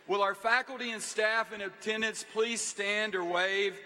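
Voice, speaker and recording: Man, university leader, rousing commencement address; high, very bright voice with long hall reverb. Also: fairly even intonation, a little slow. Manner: rousing, addresses the crowd directly with calls to stand and cheer. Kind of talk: commencement speech to a large audience. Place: large packed venue.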